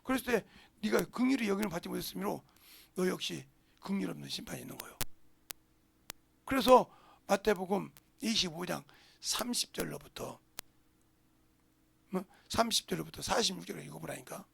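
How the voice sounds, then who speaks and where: Gravelly, high-voiced older male pastor. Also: lively intonation, moderate pace, pauses often, a little hiss or hum. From South Korea. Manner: forceful preaching, swings from loud outbursts to low murmurs, blunt street words. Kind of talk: sermon. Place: church sanctuary.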